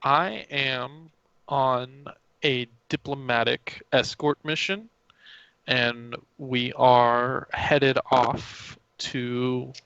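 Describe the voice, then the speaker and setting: Male player, slow, crisp dry sound. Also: mid-range voice, dry recording, dull audio. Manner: relaxed, polite in character. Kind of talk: casual tabletop game talk.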